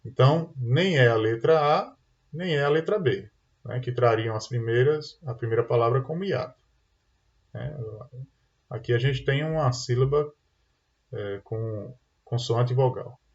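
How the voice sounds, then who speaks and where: Over a computer mic, a Brazilian man with a medium-pitched voice teaches grammar in an online exam-prep lesson, patiently and unhurriedly walking through each answer. He checks understanding with "tá?" and "né?" as he explains, and the audio is dull and lo-fi.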